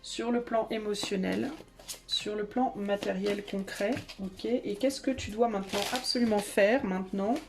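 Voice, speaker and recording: A woman's voice: medium pitch, fairly even intonation, normal speed, creaky, noisy background. A woman giving a casual tarot reading to her viewers, chatty and hesitant, with many fillers and restarts. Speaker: tarot reader.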